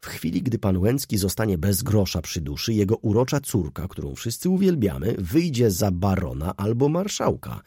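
A man reading an audiobook voices a scheming middle-aged male lawyer who talks in an animated, persuasive, theatrical way. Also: fairly low pitch, normal speed, few pauses, breathy edge, no room sound, clean studio sound, pitched above the performer's own voice. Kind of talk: audiobook character voice.

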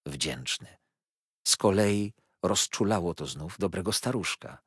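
A man narrating a classic novel in an expressive, measured storytelling manner. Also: low-pitched, slightly rough, no echo, studio quality. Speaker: audiobook narrator. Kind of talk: scripted literary narration.

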